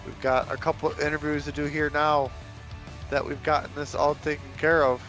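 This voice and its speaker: A man's voice: a little high, brisk, soft background music. Folksy male sim racing commentator. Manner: relaxed, folksy, chatty. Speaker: race commentator.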